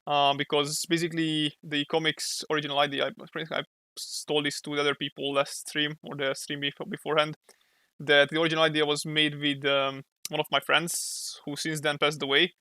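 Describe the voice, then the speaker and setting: A man's voice: fairly high pitch, little pitch movement, a little fast, bright, forceful tone, clean tone, dry recording. A young man from Hungary with a Hungarian accent, chatting casually on a livestream while he draws, thinking aloud and sometimes searching for English words. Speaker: streamer and comic artist.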